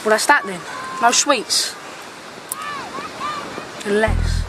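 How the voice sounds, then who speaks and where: A female actor playing a cheeky, scheming schoolchild in a children's television drama, brisk and wheedling. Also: mid-range voice, background noise, natural voice.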